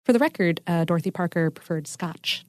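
A woman's voice: on the low side, brisk, darkish tone, no room sound. A woman co-hosting a podcast, explaining food history and science in a chatty, enthusiastic way with lots of asides. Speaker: podcast co-host.

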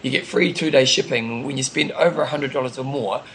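A man's voice: mid-range voice, fairly quick, fairly bright tone. Man, broad New Zealand accent, podcast host, loose sports chat, slangy delivery, noisy background. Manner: informal, slangy. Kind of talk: casual co-hosted sports chat.

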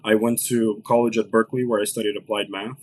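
On a podcast, a man in his late 20s from Los Angeles discusses the company he founded in quick business talk full of restarts and "right?". His pitch is fairly low and his tone level, with a little hiss or hum in the audio.

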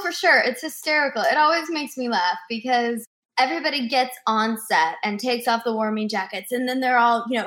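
A woman in her twenties, a guest actress on a remote interview, telling animated stories and acting out the people in them. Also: fairly high pitch. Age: 20s. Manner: animated storyteller, acts out quoted dialogue.

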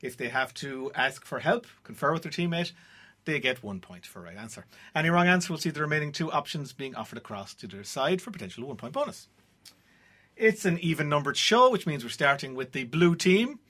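Lively bright-voiced Irish male quiz host. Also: fairly high pitch, fairly quick. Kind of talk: radio trivia quiz presenting. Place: radio studio.

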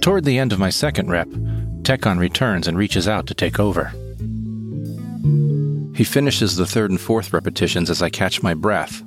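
Low-voiced man, steady scripted narration, guitar music playing underneath. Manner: calm, measured storytelling in present tense. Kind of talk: scripted first-person narration.

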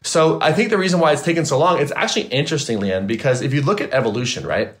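A man, a trauma therapist and guest, talking in a casual, animated and emphatic way, swearing freely. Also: medium pitch, quick pace. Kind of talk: casual interview chat.

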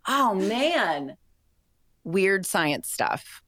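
A woman who is a guest on a podcast, talking in an animated, self-deprecating way during a party game. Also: mid-range voice, very slow, over a noisy crowd. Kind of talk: casual chat.

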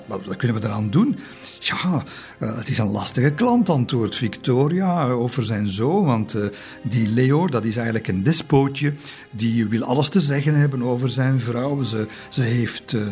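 A man's voice: mid-range voice, a little mellow. A man telling a history story in a conversational, hesitant way, with many fillers and tag questions. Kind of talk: casual spoken history narration.

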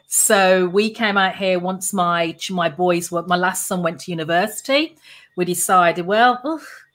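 A woman's voice: lowish voice, unhurried, fairly bright tone. A woman in her fifties with a Birmingham accent, hosting her podcast and talking about her own career in a self-assured way. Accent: Birmingham English. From Birmingham, England. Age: 50s. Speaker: podcast host and career strategist. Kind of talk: podcast intro and conversational interview.

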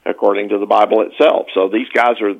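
A man appears as a guest author in an interview, explaining things conversationally with a halting delivery as he works through each point, often backing up to repeat or rephrase a word and correcting himself. His voice is on the low side and gravelly, with fairly even intonation, and the sound is lo-fi.

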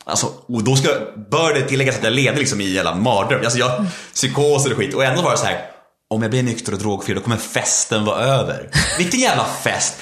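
A man's voice: mid-range voice, a bit bright, roomy sound. A man in his thirties candidly telling his life story, with lots of restarts and fillers. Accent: Swedish. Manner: repetitive restarts, frequent filler "liksom". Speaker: podcast guest.

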